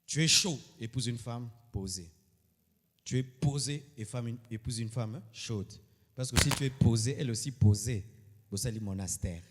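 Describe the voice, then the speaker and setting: A male pastor preaching a sermon, moving between loud, high outbursts and quiet asides. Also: moderate pace, slight background noise. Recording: long hall reverb.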